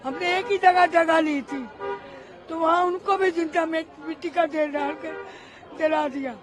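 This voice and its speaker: A woman's voice: extremely high pitch, fairly even intonation, measured pace, music in the background. An older woman giving an impassioned street interview as the widow of a riot victim, calling the reporter "beta".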